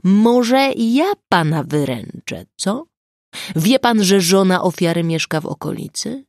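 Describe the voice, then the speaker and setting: A woman voicing an arrogant, irritable male prosecutor who scolds in a loud, raised voice, in an audiobook. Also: fairly low pitch, animated, slow pace, dry recording, clean studio sound. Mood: angry.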